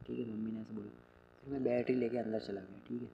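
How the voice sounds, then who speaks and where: A man's voice: lowish voice, fairly even intonation, fast, creaky. A young man vlogging, telling a personal story in a rambling casual way, restarting sentences and often checking in with the listener. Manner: rambling, restarts often, keeps saying "theek hai" and calls the listener "bhai". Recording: dull lo-fi audio with loud ambient noise and animal sounds.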